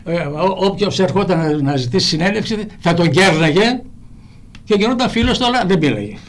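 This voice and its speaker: A man's voice: sits high, lively intonation. An older man, an actor, telling rambling stories on the radio with many restarts. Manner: rambling, frequent restarts and repeated "he tells me". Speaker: actor guest. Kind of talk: anecdotal storytelling on radio. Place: radio studio.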